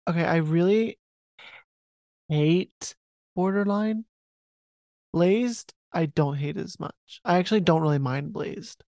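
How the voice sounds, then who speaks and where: A woman's voice: on the low side, slow pace, pauses often, mellow, no echo. A young woman co-hosting a music podcast in casual chat, dry and blunt, tired and yawning. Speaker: podcast co-host.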